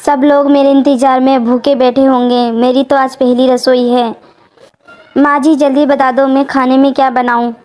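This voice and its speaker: A woman's voice: high voice, little pitch movement, moderate pace, darkish tone, close to an everyday voice. A woman voicing an earnest young bride. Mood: anxious. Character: young, tearful new bride.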